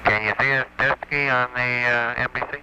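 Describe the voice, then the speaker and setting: An astronaut speaking over a crackly headset radio link to ground control, measured, dry and level. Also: male voice, medium pitch, fairly even intonation, pushed and bright. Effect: crackly headset radio transmission. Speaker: astronaut in the spacecraft. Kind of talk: air-to-ground radio exchange. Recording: muffled radio link with static.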